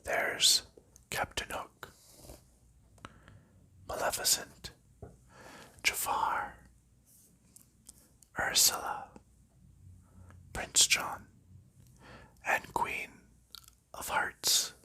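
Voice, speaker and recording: Softly whispering, a man presents board games for an ASMR show-and-tell. He takes his time, stays gentle, and often fills pauses with fillers.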